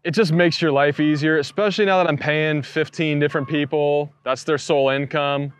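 A man in his thirties, a poultry farmer, explaining his operation in a relaxed, matter-of-fact way during an outdoor farm tour. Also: fairly high pitch, brisk, clear, resonant tone. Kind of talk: casual farm tour talk. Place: outdoors on a farm pasture beside a coop.

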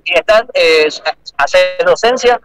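A male radio reporter with a high voice, asking curious questions with some hesitation. He is interviewing at an education fair. The recording is dry and close. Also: takes it slowly, a bit bright, no room sound, faint music behind, rough recording. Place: large indoor exhibition hall.

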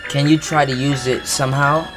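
A man's voice: mid-range voice, fairly even intonation, moderate pace, pitched above the performer's own voice, close to an everyday voice. A man voicing a timid young female paper creature in a raised, hesitant, pleading voice, with game music behind. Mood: curious. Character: trapped female fairy-like paper girl, timid.

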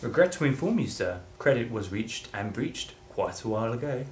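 An actor playing a young waiter, formal and mock-courteous like the host of a gentlemen's club, in a film. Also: male voice, mid-range voice, sing-song, moderate pace, lightly acted. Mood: politely regretful. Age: young adult. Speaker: actor in a short film parody. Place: living room in a house. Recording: roomy indoor sound, some noise.

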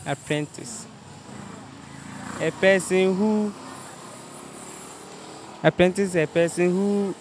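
Slow-spoken man answering street quiz. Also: high voice, steady tone. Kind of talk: hesitant street interview answers. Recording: faint outdoor traffic noise.

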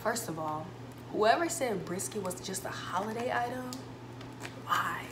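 A young woman, a college student vlogger, chats informally to camera in her small home kitchen while showing her groceries. Her medium-pitched voice is a little slow, and the camera sits a couple of metres away in an echoey room with background noise.

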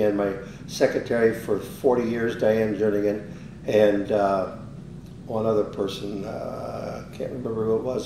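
An older man in casual storytelling mode, rambling through an anecdote and acting out the dialogue he recalls. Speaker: interviewee, business owner. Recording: roomy, distant mic with faint rumble.

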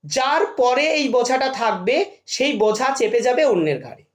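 Bright-voiced woman teaching spelling. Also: fairly high pitch, normal speed. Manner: lively question-and-answer teaching; repeats a catchy rule. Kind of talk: children's spelling lesson.

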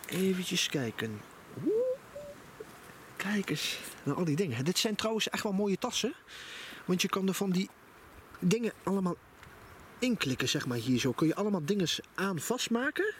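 His voice is high and a bit bright, with a sing-song lilt at normal speed. This vlogger chats enthusiastically and casually beside a campfire in a dark forest, recorded handheld with noisy outdoor camera audio.

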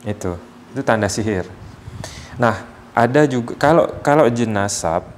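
Calm man explaining at an even pitch. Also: normal speed, a little hiss or hum. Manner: calm, explaining with examples and acted quotes. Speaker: ruqyah healer. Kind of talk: explanatory talk to a patient.

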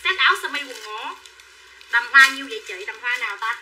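A woman with a high-leaning, sharp voice sells clothing on a livestream, talking briskly. She chats as she calls out prices and buyer names, urging viewers to buy, recorded on a distant mic with faint background noise.

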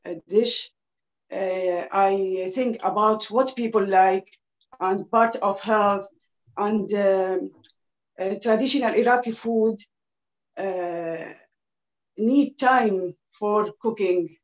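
A woman in her thirties from Iraq, speaking English as a second language with a slow, halting delivery full of pauses, introducing herself on a video call as she teaches a cooking class from her kitchen. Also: medium pitch, poor audio. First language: Arabic. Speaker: home cook teaching a cookalong. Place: small kitchen indoors. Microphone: laptop video call.

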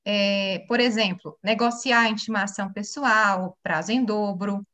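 A woman's voice: medium pitch, steady tone, measured pace, sharp tone. A woman speaking on a seminar panel, earnestly explaining her legal views. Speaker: panelist, public law attorney.

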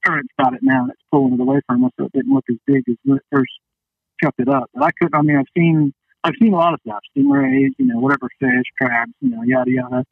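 Over a dull, band-limited phone line, a man talks casually as a guest fishing captain, folksy and saying "you know" constantly in a storytelling interview chat. His voice is high-pitched, sing-song, fast, creaky and slightly rough, with no room sound.

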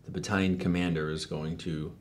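A man's voice: sits low, fairly quick, slight background noise. A man in a casual conversation, talking bluntly and swearing freely about making military comedy. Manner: blunt, profane, relaxed. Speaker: show co-creator discussing military comedy.

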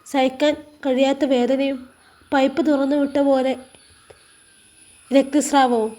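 A woman narrating a story in a calm, measured way, with a Malappuram Malayalam accent. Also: high-pitched.

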